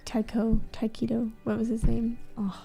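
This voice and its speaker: A woman chats casually and keeps asking questions, with fillers and quick asides. Her voice sits a little higher than most, with faint music playing softly behind her. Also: monotone, gravelly. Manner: chatty and questioning, with frequent laughs and fillers. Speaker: co-host of a couple reaction channel. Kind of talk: casual chat.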